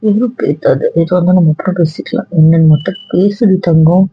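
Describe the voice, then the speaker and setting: A woman acting as a gentle, coaxing wife in a homemade family drama, speaking softly with a slightly husky tone. The sound is muffled and dry. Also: on the low side, fairly quick, no room sound.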